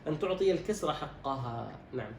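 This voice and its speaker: Fast-talking male recitation teacher. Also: fairly high pitch, expressive, creaky. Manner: instructive, quizzes and demonstrates slow drawn-out words. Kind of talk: recitation lesson, correcting a student. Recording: roomy echo, distant mic, faint noise.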